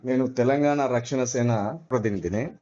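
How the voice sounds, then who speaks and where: A man's voice: medium pitch, normal speed, dark tone. A man, an activist pressing his case insistently on a recorded phone call. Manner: insistent, confrontational.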